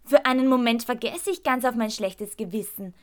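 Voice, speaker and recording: A woman reading a first-person story aloud with lively, expressive storytelling. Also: on the high side, normal speed. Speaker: narrator.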